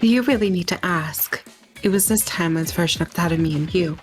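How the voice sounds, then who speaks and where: A woman reading the lines of a calm, matter-of-fact young ally from a game. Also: lowish voice, brisk, soft background music, lightly acted. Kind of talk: reading a game's dialogue aloud in character.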